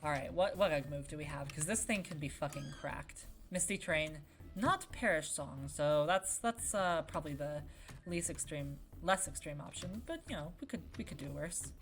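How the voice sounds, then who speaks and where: Young woman game dev, low voice, chatty, easily sidetracked commentary. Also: lively intonation, moderate pace, faint music behind. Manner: chatty, wandering, answers chat. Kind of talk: casual let's-play commentary.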